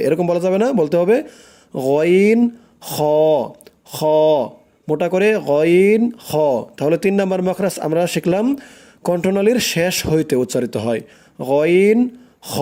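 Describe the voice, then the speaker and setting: Male teacher, fairly high, warm tone, patient drill-style delivery, says each sound over and over. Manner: repeats each letter sound slowly and firmly for the listener to copy. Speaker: Quran recitation teacher. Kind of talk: recorded pronunciation lesson.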